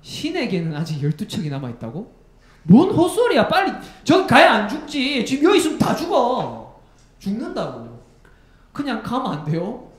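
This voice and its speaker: A man's voice: wildly swooping pitch, normal speed, a little mellow, reverberant. A man acting out a frantic, terrified soldier. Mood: panicked. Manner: shrill, frantic, pleading. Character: panicky common soldier, young man, terrified.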